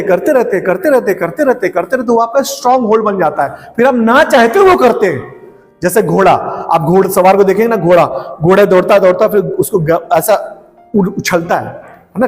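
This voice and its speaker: A man preaching a sermon, emphatic and conversational, often calling out hallelujah and acting out everyday exchanges. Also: high voice. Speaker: pastor. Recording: long hall reverb, faint music behind.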